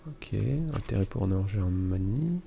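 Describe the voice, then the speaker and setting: Man, let's play host, very dark voice, gravelly, faint hiss behind, mumbled commentary. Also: sits low, animated, a little slow. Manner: mumbling to himself, lots of ok and euh. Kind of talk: casual gameplay commentary.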